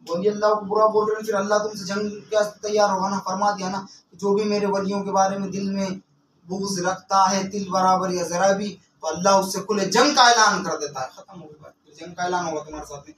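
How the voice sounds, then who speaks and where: Stern high-voiced man preaching in an echoey room. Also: level tone, fast. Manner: scolding, emphatic, repeats warnings. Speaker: preacher and exorcist. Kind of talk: sermon. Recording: echoey, distant mic with faint ambient noise.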